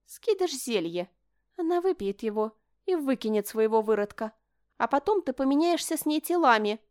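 A spiteful young woman who sneers and spits out her words with venom, a touch higher than the reader's own voice, as a woman narrating a novel puts her on. It is heard as an audiobook reading. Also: very animated, moderate pace, darkish tone, clear, resonant tone.

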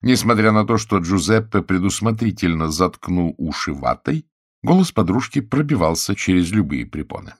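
A man reading a story aloud as narrator, expressive and theatrical. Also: sits low, normal speed, husky, dry recording, studio quality. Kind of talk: audiobook reading.

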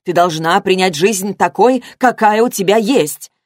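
A woman's voice: medium pitch, a little slow, dry recording, natural voice. A woman voicing a cold, haughty mother who lectures in a curt, imperious way in an audiobook, with a dry, close sound. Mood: scolding.

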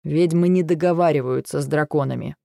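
A man voicing a weary, dry-witted male dragon in an audiobook, with a gravelly, restrained delivery. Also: fairly high pitch, brisk, warm tone, no room sound. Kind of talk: audiobook dialogue reading.

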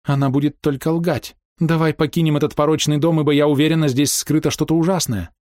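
Guy voicing a scared young woman, anxious and pleading, pitched up a bit. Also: steady tone, quick pace, a little mellow, no echo, studio quality, natural voice. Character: timid, frightened young woman.

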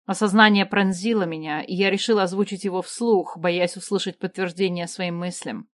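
Woman narrator for a first-person fantasy audiobook; measured and even, dry close-mic sound. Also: on the low side, no echo.

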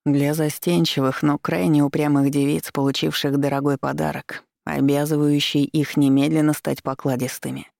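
Brief: gravelly, dry-sounding male demon lover, low and unhurried, as the reader puts him on. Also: flat delivery, a little mellow, dry recording, lightly acted. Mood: teasing. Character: teasing, domineering young male demon lover.

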